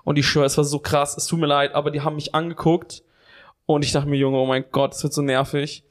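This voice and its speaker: A man's voice: on the high side, flat delivery, fast. Rambling, swearing young man telling a story. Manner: rambling, swears a lot, keeps restarting with "anyway". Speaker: podcast co-host. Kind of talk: comedic storytelling on a podcast.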